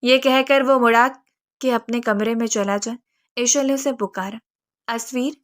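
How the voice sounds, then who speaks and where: A woman's voice: fairly high pitch, steady tone, a bit bright. Woman narrating a romance novel.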